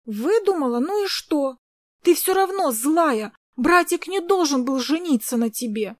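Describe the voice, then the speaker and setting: A woman's voice: sits high, expressive, a little slow, dry recording, studio quality, voice pushed up. A woman voicing a frightened little girl who sobs and pleads, in a read-aloud story. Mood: defiant tearful. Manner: sobbing, pleading.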